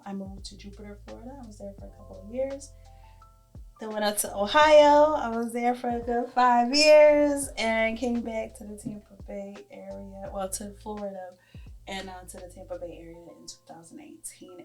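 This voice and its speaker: A woman's voice: mid-range voice, normal speed, darkish tone, soft background music. A realtor woman from Brooklyn, chatting casually with easy slang and frequent laughs. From Brooklyn, New York. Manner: laid-back, laughs often, casual slang. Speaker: realtor guest. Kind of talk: casual chat.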